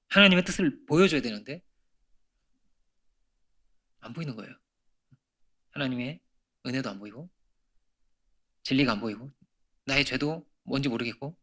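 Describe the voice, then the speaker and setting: A man's voice: medium pitch, sharp tone. A middle-aged man preaching a Sunday sermon in a church, talking conversationally, asking frequent rhetorical questions and swinging from emphatic peaks to near-whispers. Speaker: pastor. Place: church sanctuary.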